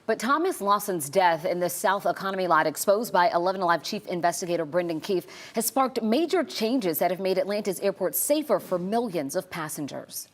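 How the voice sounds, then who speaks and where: American anchor lady, slightly low voice, reading an investigative news expose. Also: animated, a little fast, hardly any pauses.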